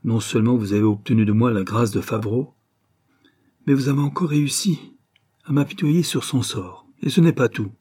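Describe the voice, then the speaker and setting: A man's voice: medium pitch, moderate pace, mellow, husky, close to an everyday voice. A man voicing a proud, grieving older countess, a mother torn over vengeance, in an impassioned declamatory reading. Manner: intense, emotional, declamatory. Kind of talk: audiobook reading.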